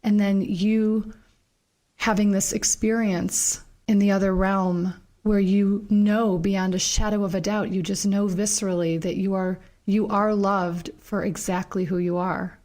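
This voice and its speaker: Woman interviewer, middle pitch, engaged and emotive. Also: flat delivery, unhurried, a little mellow. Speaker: host. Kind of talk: conversational interview.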